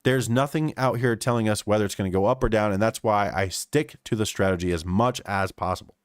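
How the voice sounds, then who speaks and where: A man streaming live, commenting on trading charts in an animated way and repeating phrases for emphasis. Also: on the low side, fairly quick, dry recording, clean studio sound.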